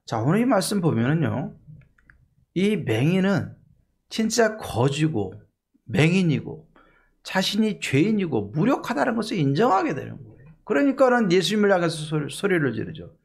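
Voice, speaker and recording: A man's voice: sits high, big pitch swings, moderate pace, vocal fry, breathy edge. A male pastor preaching an early morning sermon, emphatic and full of rhetorical questions.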